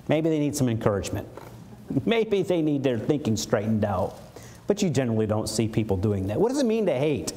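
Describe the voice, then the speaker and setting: A man preaching a sermon in a church, animated, acting out playful mock quotes as he explains a verse. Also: mid-range voice. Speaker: pastor. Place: church sanctuary. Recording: faint background noise from a live stream.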